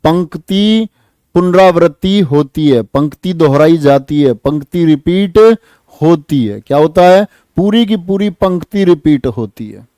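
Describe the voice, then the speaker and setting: A man teaching an exam-prep class, lively, asking students questions and answering them himself. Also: on the high side, clean tone, no echo. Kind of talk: online exam-prep lesson.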